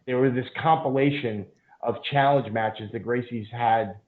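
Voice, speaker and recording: Here a man of medium pitch speaks at a normal speed, telling long, meandering stories as a guest on a podcast. He's a jiu-jitsu instructor who swears and uses fillers often, and the casual interview comes through with phone-like, narrow-band audio.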